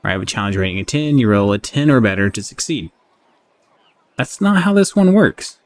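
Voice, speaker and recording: A gaming channel host with a lowish, sing-song voice gives a casual game review at normal speed, rambling and thinking aloud while readily chuckling. Background noise is clearly audible.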